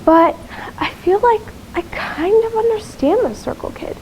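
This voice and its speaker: A woman's voice: on the high side, darkish tone, slight background noise, natural voice, poor audio. A woman playing a frank, confiding teenage girl with cancer. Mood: musing.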